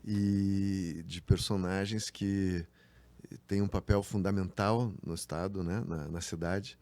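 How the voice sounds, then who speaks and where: A man's voice: low-pitched, steady tone, takes it slowly, dark tone. A man co-hosting a casual history chat show, telling history with hesitant fillers and restarts. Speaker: co-host, history storyteller.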